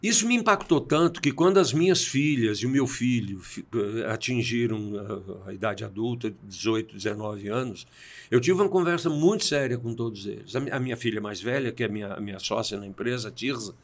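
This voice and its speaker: A man in his sixties from Brazil, a podcast guest telling personal stories and acting out the dialogue he quotes. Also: mid-range voice. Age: 60s. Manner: reflective, acts out quoted dialogue. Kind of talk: storytelling in a conversation.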